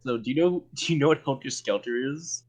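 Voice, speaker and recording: A podcast co-host in casual chat, explaining things matter-of-factly and slipping in dark jokes. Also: male voice, medium pitch, animated, quick pace, crowd noise.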